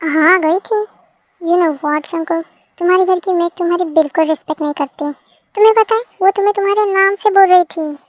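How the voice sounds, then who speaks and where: A woman's voice: extremely high pitch, fairly even intonation, brisk, no echo. A woman voicing a haughty, rude rich young woman in an amateur fan dub. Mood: smug. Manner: arrogant, whiny.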